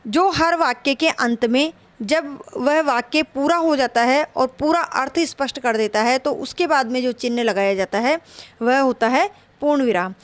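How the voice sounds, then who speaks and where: A woman teaching a Hindi grammar lesson for an exam, slow and explanatory, repeating her points. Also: high voice, no echo.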